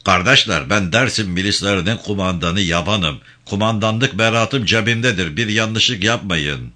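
A man's voice: lowish voice, normal speed, pushed and bright. A man voicing a simple-minded, boastful rural militia commander who talks in an earnest, pleading way.

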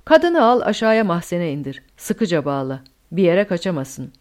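A woman voicing a cold, ruthless woman who gives crisp commands, in an audiobook. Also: lowish voice, very animated, normal speed, a little mellow. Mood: commanding.

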